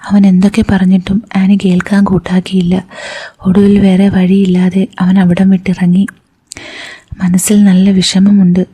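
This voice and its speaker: A woman doing whispered story narration as storyteller, reading softly and steadily. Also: mid-range voice, monotone, normal speed, slightly rough.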